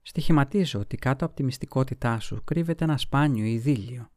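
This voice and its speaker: A man voicing an earnest, caring young woman in a storybook reading, speaking with warm concern. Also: mid-range voice, dry recording, studio quality, close to an everyday voice.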